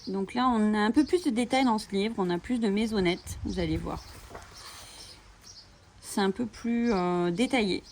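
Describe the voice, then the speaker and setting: A coloring channel host leafs through coloring books, chatting excitedly and often using fillers. She has a mid-range voice with a darkish tone and talks at a moderate pace. The recording carries a faint hiss or hum, and birds chirp behind her.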